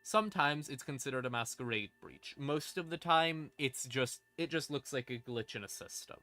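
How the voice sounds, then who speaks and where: A male live streamer hosts a casual lore breakdown of a game, swearing freely and speaking with emphasis. His mid-range voice is pushed and bright, at a moderate pace. Creepy ambient music plays behind him.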